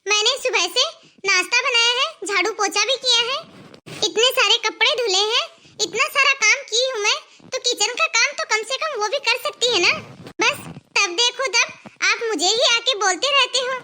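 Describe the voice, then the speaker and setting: A woman's voice: extremely high pitch, moderate pace, background noise. A woman voicing a lazy, sassy young daughter-in-law who argues back in a whiny, defiant way. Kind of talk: cartoon voice acting.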